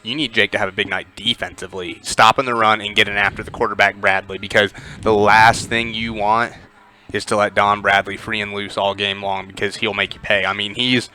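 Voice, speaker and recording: A man giving conversational pregame football commentary, with lots of filler words and animated storytelling. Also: fairly low pitch, brisk. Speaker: sports commentator.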